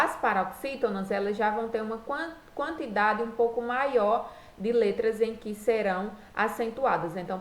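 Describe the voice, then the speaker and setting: A woman's voice: on the high side, fairly bright tone. A woman teaching a recorded lesson, patiently walking through each rule step by step. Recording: echoey room.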